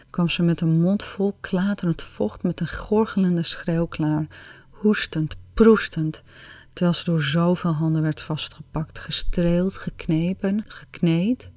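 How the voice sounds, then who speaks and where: A woman narrating an erotic story in a slow, sensual, drawn-out reading. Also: fairly low pitch, mellow, dry recording.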